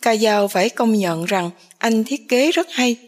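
A woman reading a novel aloud in a steady, even way. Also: a little high, measured pace. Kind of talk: storybook narration.

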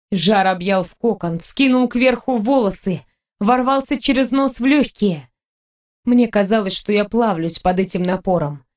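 A woman reading a first-person fantasy audiobook in a calm, even storytelling manner. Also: fairly high pitch. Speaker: audiobook narrator.

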